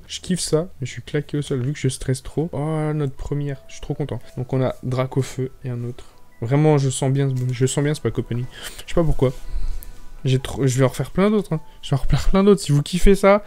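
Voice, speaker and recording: A young man with a French accent chatting excitedly to viewers, stumbling over his words as he opens card packs. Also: mid-range voice. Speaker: YouTuber opening card packs. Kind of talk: casual excited chat.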